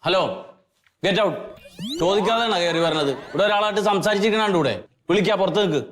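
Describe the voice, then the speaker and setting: An actor playing a stern government officer who scolds a visitor in a curt manner. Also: male voice, high voice, quick pace, fairly bright tone, slight background noise. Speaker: sitcom character.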